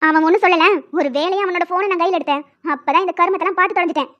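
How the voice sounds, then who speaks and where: A woman voicing a stern young female professor who lectures and scolds in an animated story. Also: very high voice, rapid-fire, highs cut off.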